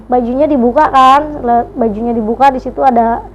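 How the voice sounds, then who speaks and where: A woman's voice: on the high side, fairly even intonation, a little fast, faint music behind, rough recording. A woman guest telling a neighbour's ghost story in casual talk, hesitant and full of fillers, acting out shocked gasps.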